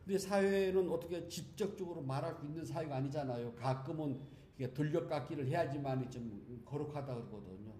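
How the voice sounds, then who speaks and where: A man's voice: fairly high pitch, brisk, mellow. A male Buddhist monk giving a chatty, humorous sermon in a temple hall, often speaking to his listeners directly. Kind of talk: conversational sermon. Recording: echoey hall with faint background noise.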